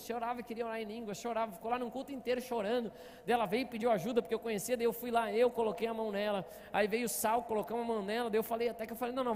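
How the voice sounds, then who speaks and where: A man's voice: very high voice, in a large hall. A man preaching as pastor, telling stories and often asking the congregation to answer back. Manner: storytelling, often asking the congregation "Amém, amados?". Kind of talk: sermon. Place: church hall.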